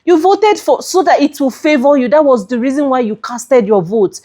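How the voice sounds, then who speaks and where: A woman with a fairly high voice talks through a reaction video in a loose, casual way. She sounds exasperated and keeps firing rhetorical questions, with plenty of ums along the way. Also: darkish tone. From outside the US. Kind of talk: casual commentary.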